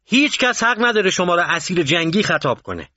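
Male narrator plays a passionate male commander, loud and commanding, on a dry, muffled storybook recording. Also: mid-range voice, big pitch swings, slightly rough, no room sound, voice pushed up. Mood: shouting fervently. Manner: raised commanding voice. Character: stern male commander, passionate, shouting orders.

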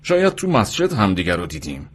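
A man's voice: fairly low pitch, huge pitch swings. A man voicing a cheerful, humble street vendor who jokes with his customers. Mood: friendly. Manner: slow, friendly, joking.

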